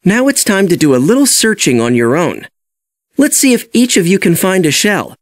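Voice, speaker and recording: A man's voice: high-pitched, big pitch swings, moderate pace, no echo, pitched above the performer's own voice. A man voicing a cheerful, encouraging adult stingray schoolteacher with an instructive manner in a storybook.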